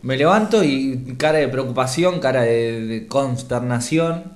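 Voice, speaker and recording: A man's voice: mid-range voice, unhurried, echoey room. Young man, mid-range voice, defensive chatty storyteller. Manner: defensive, interrupting, quotes himself. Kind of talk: casual storytelling chat.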